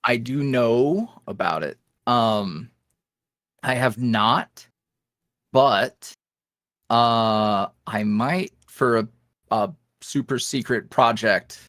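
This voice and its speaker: This podcast guest, a man known for ASMR roleplays, keeps the interview relaxed and lively, often losing his thread, starting over, and laughing. He speaks at a medium pitch and draws out his words. The sound is dry and studio-clean.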